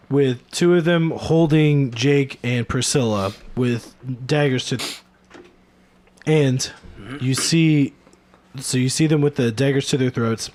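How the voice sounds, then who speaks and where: A young adult man narrating a tabletop game as game master, halting and correcting himself. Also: medium pitch, a little mellow.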